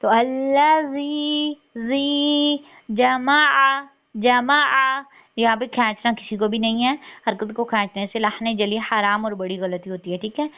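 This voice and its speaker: A woman teaching Quran recitation rules patiently, saying words slowly and repeating them. She often checks in with "theek hai" and. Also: mid-range voice, fairly even intonation, fairly bright tone. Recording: dull lo-fi sound.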